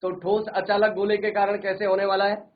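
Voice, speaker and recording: A man teaching physics in a virtual classroom lecture, repeating phrases slowly and often addressing the students as children, mixing English terms into his explanations. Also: sits high, monotone. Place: studio classroom. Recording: tinny phone-like sound.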